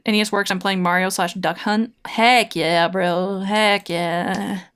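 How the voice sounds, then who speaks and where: With a medium-pitched, clear, resonant and slightly bright voice, she speaks at a measured pace with fairly even intonation. She's a VTuber streaming online mahjong, casually rambling in slang, thinking aloud and replying to chat.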